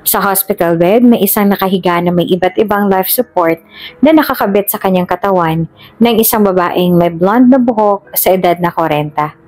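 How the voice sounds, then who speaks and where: A woman narrating a scripted drama story in a steady, measured reading. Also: mid-range voice, no room sound.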